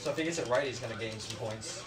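A man in casual gaming chat, easygoing and quick to laugh. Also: medium pitch. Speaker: co-host. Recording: faint music behind.

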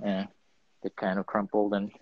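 A man's voice: fairly low pitch, completely flat delivery, moderate pace, muffled recording, slight background noise. A man talking casually from his pottery studio over a live video stream, rambling with lots of ums as he shows his work. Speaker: guest ceramic artist. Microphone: phone or webcam on a live video stream.

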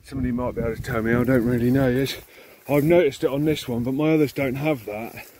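A man with a medium-pitched, mellow voice talks at a quick pace in a steady tone, with a little hiss or hum in the audio. He owns a vintage combine and films it on a handheld phone while walking around it in an overgrown field. His narration is casual and rambling, with lots of ums and restarts as he thinks aloud.

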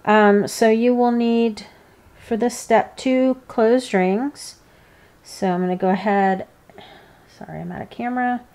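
A woman giving informal, hands-on step-by-step craft instruction, pausing between steps. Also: fairly high pitch, fairly even intonation, a little mellow. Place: indoors, seated at a work table.

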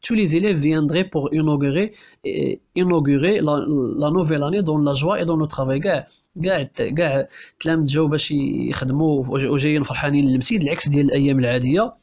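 Rapid Moroccan teacher, lo-fi sound. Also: male voice, a little high, a little mellow. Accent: Moroccan Arabic. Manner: rapid code-switching explainer, many restarts. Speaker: French literature teacher. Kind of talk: exam-prep lesson on a novel.

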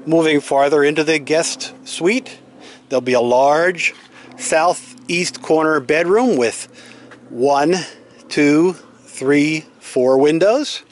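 Outdoors in the timber skeleton of his house under construction, a homeowner leads an unscripted walk-through, filming on a handheld camera he holds himself. His voice runs a little high, and he takes it slowly and explains things in a matter-of-fact way, with a bit of hiss or hum in the audio.

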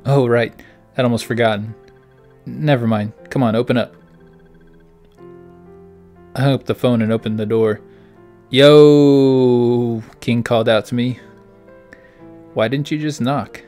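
A man's voice: medium pitch, fairly even intonation, moderate pace, long pauses, a little mellow, soft background music. Man reading game dialogue aloud. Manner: reads dialogue aloud in a plain voice between puzzled asides. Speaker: gaming channel host. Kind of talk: playthrough commentary, reading game text aloud.

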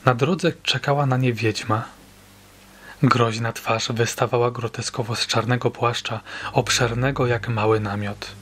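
A man narrating a short horror story as an audiobook reader, in a measured, suspenseful storytelling manner. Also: mid-range voice, fairly bright tone, husky. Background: faint background music.

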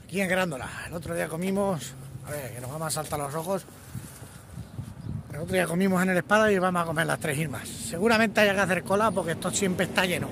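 A middle-aged truck driver chats casually to a phone camera held at arm's length outdoors by the trucks and roadside, greeting his viewers as artists. His voice sits high and he talks fast. The phone audio is noisy, with wind and traffic behind him.

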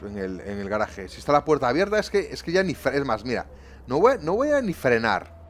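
Very animated and fairly quick, a man with a medium-pitched voice gripes and swears his way through live bus-driving gameplay for his viewers. The gaming YouTuber records from a room at home, with slight background noise.

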